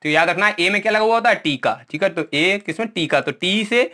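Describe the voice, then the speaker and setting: Man teaching, high voice, bright tone, quizzes and answers himself, exam-prep lesson. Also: a little fast. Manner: repeats "ठीक है" often, asks questions and answers them himself; points at a board, with memory tricks. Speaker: Hindi grammar teacher.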